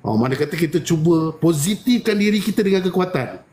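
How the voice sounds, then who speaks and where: A man, a spiritual healer telling a story in casual live-stream chat and acting out the dialogue with big jumps in his voice. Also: fairly quick. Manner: animated, acts out dialogue with big pitch jumps.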